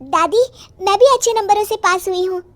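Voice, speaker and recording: A woman's voice: very high-pitched, moderate pace, pitched above the performer's own voice. A woman voicing an earnest, pleading schoolgirl in an acted moral story. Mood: eager. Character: earnest schoolgirl granddaughter, eager to study.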